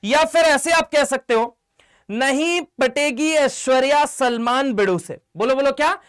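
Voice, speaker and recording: A man with a high voice teaches an online chemistry class. He fires short questions at his students, then slows right down to chant memory tricks line by line. His tone stays warm and coaxing. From India. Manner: affectionate, calls students 'beta' and 'mere laal'. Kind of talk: online exam-prep lecture.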